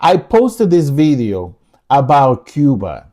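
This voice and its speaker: A man's voice: medium pitch, big pitch swings, slow pace, warm tone. A man from the Republic, talking casually to his viewers as a channel host, earnest and repeating phrases for emphasis. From Dominican Republic. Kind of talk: casual talk to camera.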